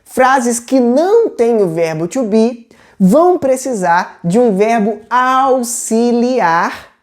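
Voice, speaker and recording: A woman's voice: fairly high pitch, animated, slow pace. A woman with a Brazilian Portuguese accent teaching English in a video lesson. She explains patiently and keeps checking in with the viewer.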